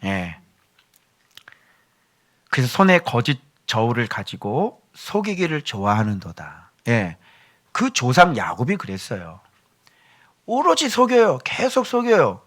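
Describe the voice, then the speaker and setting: A male pastor giving a sermon in an animated way, with joking asides to his congregation. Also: mid-range voice, a little slow, long pauses.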